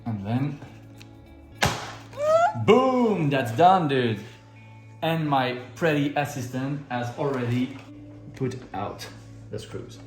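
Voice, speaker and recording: With a mid-range voice and a slow pace, a man with a French accent hosts a bilingual tutorial on assembling RC models, repeating each step in two languages. He's easygoing and jokes at his own expense as he explains. Music plays in the background, and the room is echoey.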